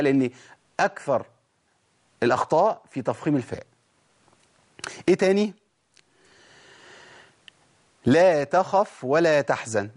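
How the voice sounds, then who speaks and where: Fast-talking Egyptian man teaching recitation. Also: fairly high pitch. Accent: Egyptian Arabic. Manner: animated, demonstrating sounds with repeated examples. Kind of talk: tajweed lesson.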